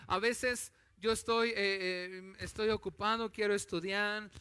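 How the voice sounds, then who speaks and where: A man's voice: high-pitched, steady tone, unhurried, bright, forceful tone, clear, resonant tone. A man with a Mexican accent preaching a conversational sermon as a pastor, telling family stories in a chatty, anecdotal way.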